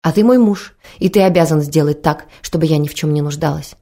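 A woman voicing a spoiled young wife who is shrill, demanding and tearful. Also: fairly quick, mellow. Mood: shrill, indignant. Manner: shrill, indignant, tearful pleading.

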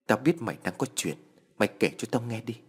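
Brief: male narrator as a friendly-sounding ghost disguised as a teen pal, coaxing, pushy, lively delivery. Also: medium pitch, fast talker, husky. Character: ghost posing as a teenage boy friend.

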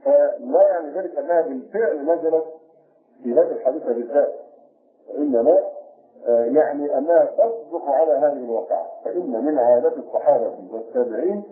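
A man giving a religious lecture as a sheikh teaching Quran commentary, measured and repeating key phrases to explain them. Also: fairly high pitch. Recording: echoey room on a tinny lo-fi tape.

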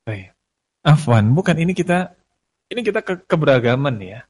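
A man delivers a religious lecture to a room of students, his voice sitting a little high. He unpacks a verse slowly and then acts out little everyday arguments between friends to make his point. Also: expressive, darkish tone, breathy edge. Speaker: Islamic religious teacher.

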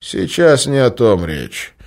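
A man voicing an old, sickly male crime boss, sly and cruel, with a creaky voice and slow, weighty speech. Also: mid-range voice, big pitch swings, voice pushed up. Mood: commanding. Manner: slow, drawn-out authority.

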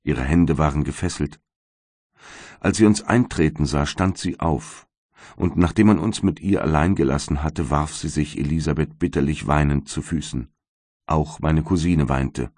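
A man narrating a classic novel in a measured, somber way. His voice is extremely low, and the recording is dry and close with no room sound. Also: a little mellow, no echo. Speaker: audiobook reader. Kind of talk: scripted narration.

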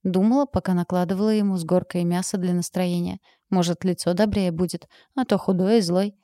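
A woman reading a first-person story aloud as an audiobook narrator, in a lively, ironic manner. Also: on the low side, a little fast, dry recording, clean studio sound.

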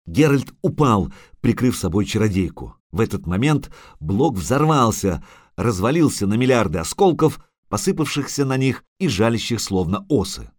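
A male narrator reads a fantasy story with dramatic, expressive delivery. His pitch moves freely through each sentence. The sound is dry and close, with no room around it. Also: moderate pace, no echo. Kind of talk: audiobook narration.

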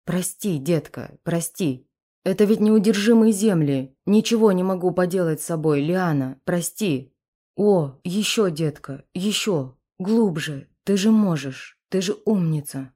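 A woman voicing an angry young groom in an audiobook, strained with rage, speaking a little lower than her own voice. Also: a little slow, warm tone. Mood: muttering. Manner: strained with anger. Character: betrayed young male groom, furious then weak-willed.

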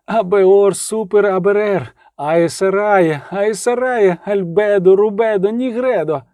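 A man's voice: unhurried, darkish tone, no echo. A man voicing a frantic young scholar who howls and barks a made-up exorcism in mock Latin and Arabic. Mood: howling chant. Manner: howling, booming incantation.

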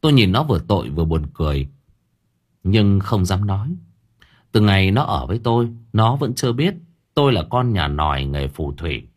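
A male storyteller reads a first-person audiobook. His voice is low and husky, and his pitch moves freely as he tells it in a lively, colloquial way. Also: moderate pace. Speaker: narrator.

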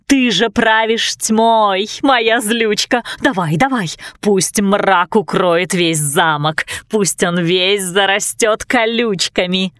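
A woman voicing a scheming eldest witch sister who speaks slowly and intensely. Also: medium pitch, expressive, no echo. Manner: slow, intense incantation.

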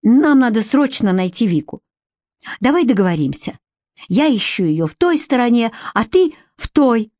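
A woman's voice: fairly high pitch, very animated, moderate pace, a little mellow, dry recording, studio quality. A woman reading the part of an irritable, stubborn middle-aged man in an audiobook, curt and exasperated. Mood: hurried.

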